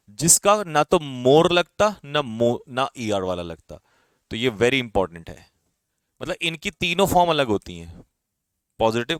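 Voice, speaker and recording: Lively Indian male English teacher. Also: medium pitch, no room sound, clean studio sound. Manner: explains step by step, code-mixing, asks and answers own questions; calls students brother, drops his voice at ends of lists. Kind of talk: online exam-prep lesson.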